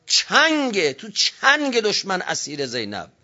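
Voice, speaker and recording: A man preaching a sermon with passion, dropping low and quiet, then rising to loud shouts, and reciting classical Arabic slowly and solemnly. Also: huge pitch swings. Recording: dull lo-fi recording.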